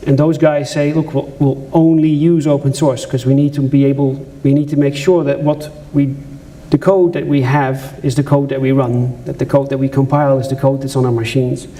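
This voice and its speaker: A mellow, mid-range male voice with a level tone speaks at a moderate pace with few pauses. He's a conference speaker from the Netherlands with a Dutch accent, presenting conversationally in a lecture room with frequent restarts and asides to the audience.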